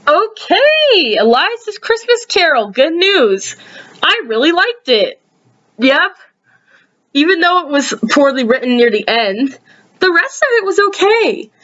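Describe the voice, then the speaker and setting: A woman casually rambling through reviews of her own videos, sleepy and yawning, with lots of ums and sudden jumps in pitch. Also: fairly bright tone, lo-fi sound.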